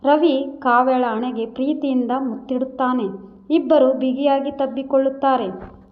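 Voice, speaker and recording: A woman's voice: high voice, steady tone, unhurried. A woman storyteller giving a scripted, earnest and emotional story narration. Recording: dull lo-fi recording.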